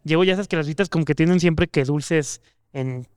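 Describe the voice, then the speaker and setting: A man's voice: fairly high pitch, fairly quick, darkish tone, clear, resonant tone, dry recording, studio quality. A young man with a Mexican Spanish accent, co-hosting a podcast and telling an emotional story in a rambling way during casual chat. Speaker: podcast co-host.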